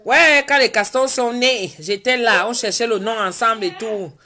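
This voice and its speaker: A woman's voice: on the high side, moderate pace, sharp tone. A woman hosting a casual live stream from home, chatting and reading out viewers' names and comments. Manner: chatty, reads viewer names aloud and answers them.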